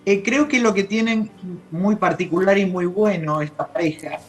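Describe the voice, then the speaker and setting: A woman with an Argentine accent speaking as a grief specialist in an interview, measured and reflective, pausing to find her words. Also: medium pitch, faint music behind. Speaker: grief specialist guest on a talk show. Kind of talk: explanatory interview talk.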